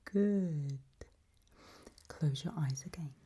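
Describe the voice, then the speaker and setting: An ASMR role-play by a woman as an eerie, gentle undead mentor in a creepy audio drama. Her voice is very breathy and low, mellow at the edges. She instructs softly and patiently, with quiet unease underneath. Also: drawn-out words, full character voice. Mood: patient, coaxing. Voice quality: breathy, husky soft voice.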